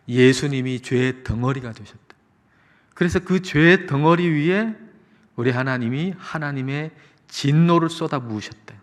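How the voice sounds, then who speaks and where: A man preaching a sermon as pastor, earnestly explaining and raising his voice when he quotes the cries of Jesus. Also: medium pitch. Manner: earnest preaching, voice rising on quoted cries, slow drawn-out singing. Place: church sanctuary. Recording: long church reverb.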